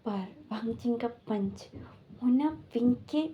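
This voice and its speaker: A woman's voice: fairly high pitch, a little slow. Chatty woman storyteller, lo-fi sound. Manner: chatty, loose narration full of fillers. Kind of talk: casual fan-fiction retelling.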